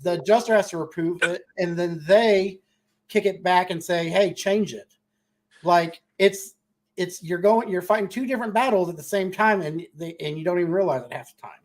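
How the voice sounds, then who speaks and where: A man's voice: sits high, brisk. A man speaking as a contractor on a casual panel discussion, blunt and rambling with many restarts.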